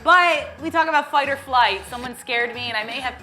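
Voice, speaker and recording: A woman's voice: high-pitched, fairly quick, pushed and bright, faint music behind, rough recording. A woman hosting a live morning show, chatting in a rambling way with plenty of filler words. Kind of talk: live TV banter. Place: TV studio.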